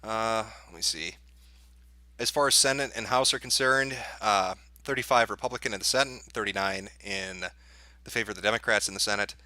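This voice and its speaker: A fast-talking man with a fairly low, sharp-toned voice and fairly even intonation hosts an election night livestream. Working as an impromptu analyst, he reads results and thinks aloud in casual live commentary, with no echo on the audio.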